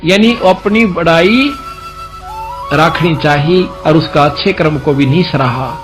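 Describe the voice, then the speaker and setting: Music plays behind a Haryanvi-accented man delivering a religious discourse framed as a folk tale. He tells it in everyday language, relaying the dialogue as reported speech, in a voice on the high side that moves a little slowly.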